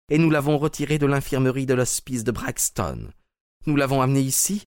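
A man's voice: mid-range voice, no echo, natural voice. An actor playing a hostile, sarcastic man who taunts and blusters, in a dry studio recording. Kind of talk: audio drama acting.

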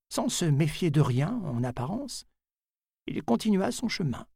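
A man reads a novel aloud at an unhurried, measured pace. His voice has a faint husky grain, and the recording is dry and close with no room sound. The delivery stays deliberate and even as he tells the story. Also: medium pitch, dry recording. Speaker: audiobook narrator. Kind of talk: scripted narration of a novel.

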